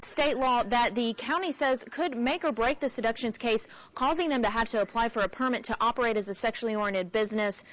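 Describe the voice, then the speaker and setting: Slightly high-voiced woman news reporter. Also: brisk, few pauses. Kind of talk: scripted live newsroom report. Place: newsroom.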